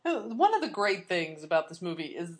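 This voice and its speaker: A woman's voice: on the low side, big pitch swings, a little fast, slightly rough. A woman casually discussing a film and its book with a co-host, blunt and opinionated, swearing freely. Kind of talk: casual movie review chat.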